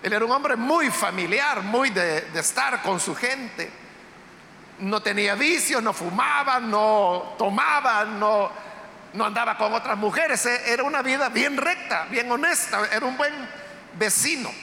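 High, bright-voiced man preaching in an echoey hall. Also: animated, a little hiss or hum. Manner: conversational, unhurried retelling of a story. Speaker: pastor. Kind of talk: storytelling sermon. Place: church sanctuary. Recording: echoey hall with long reverb, faint ambience.

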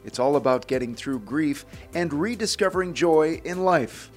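A male podcast host delivers a scripted introduction in a fairly high-pitched voice. Music plays behind him. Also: lively intonation, moderate pace.

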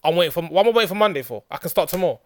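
A young man speaks rapidly with a London roadman accent and a slightly high voice. He is blunt, slangy and sweary, chatting casually as a podcast co-host. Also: lively intonation, no echo. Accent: London roadman, multicultural urban slang. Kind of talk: casual chat.

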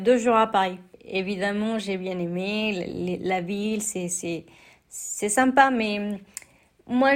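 Mexican woman, young adult, unhurried and halting, Spanish accent, interview guest. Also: medium pitch. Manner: hesitant, many fillers and restarts. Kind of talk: interview testimony.

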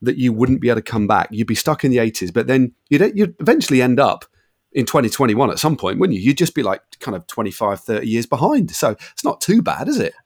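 A man's voice: mid-range voice, very animated, fast. A middle-aged British man hosting a casual interview, chatty, matey and effusive with his enthusiasm. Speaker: podcast host.

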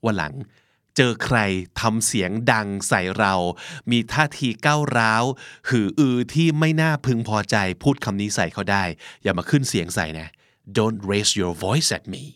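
A Thai man in his forties hosting a podcast English lesson, chatty and lively, reading the English examples slowly and clearly. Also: on the low side, dry recording, clean studio sound. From Thailand. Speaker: podcast host and English teacher. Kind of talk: relaxed podcast vocabulary lesson.

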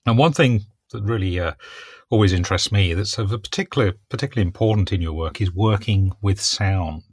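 Low-voiced man asking interview questions. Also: no room sound, studio quality. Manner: measured, attentive, gives short affirmations. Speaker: podcast host.

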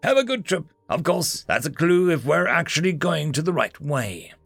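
A man's voice: on the high side, very animated, normal speed, gravelly, fairly bright tone, no echo, soft background music, voice pushed up, full character voice. A man voicing a cheerful, teasing young male explorer in an upbeat way. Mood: playful.

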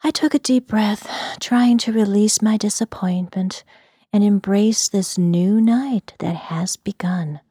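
Slow, husky whispering woman storyteller. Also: mid-range voice, dry recording, studio quality. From US Midwest. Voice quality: soft, breathy whisper.

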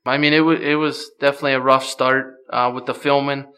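A man's voice: medium pitch, flat delivery, fast talker, sharp tone, clear, resonant tone. A man from Pennsylvania, a guest on a podcast, chatting casually and easily with many fillers. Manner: easygoing, many "you know" fillers. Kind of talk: casual chat.

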